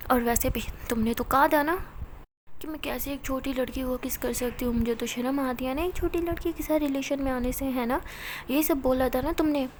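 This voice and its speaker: A woman's voice: high-pitched, fairly even intonation, moderate pace, slight background noise, lightly acted. A woman voicing an exasperated, guarded older woman in a love story, scolding and placating by turns.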